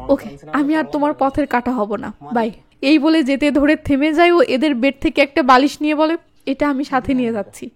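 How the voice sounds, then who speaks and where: A young woman narrating a film recap as a story, reading out each character's lines herself in a lively way. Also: sits high.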